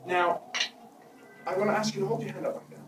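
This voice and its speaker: A stage magician in front of a live audience teases his volunteer with playful banter, speaking quickly in a high voice with fairly even intonation. Heavy background noise, loud ambience and distant, echoey stage sound fill the recording.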